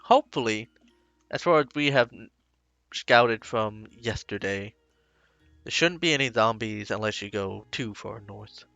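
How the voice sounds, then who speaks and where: A man's voice: fairly low pitch, vocal fry, pushed and bright, no room sound, dull audio, soft background music. Laid-back man running a tabletop game. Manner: laid-back, halting with many pauses. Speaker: game master.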